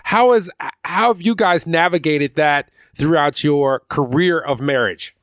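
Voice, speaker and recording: Higher-voiced male interviewer, very dry sound. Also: a little slow, fairly bright tone, clean tone, no room sound. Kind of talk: casual conversational interview.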